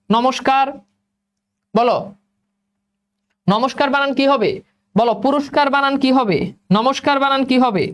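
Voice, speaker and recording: A young male teacher runs a spelling lesson in a fairly high voice. He keeps repeating his questions and urges the students to answer. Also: a bit bright, smooth. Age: young adult.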